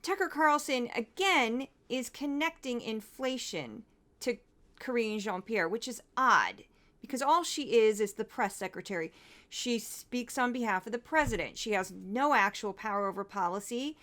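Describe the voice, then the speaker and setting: A woman's voice: a little high, lively intonation, moderate pace, fairly bright tone. Wry, exasperated woman commenting on clips. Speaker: commentary show host. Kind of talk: critical commentary on news clips.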